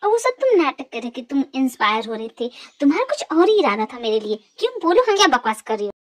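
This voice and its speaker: A woman's voice: high-pitched, sing-song, quick pace, pitched below the performer's own voice. Woman voicing a vain, teasing college girl. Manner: teasing, pushy and boastful. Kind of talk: fan dub drama voice acting.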